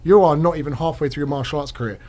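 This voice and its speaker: A man's voice: a little high, racing, mellow. A man chatting on a podcast, joking and telling a story. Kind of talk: casual podcast talk.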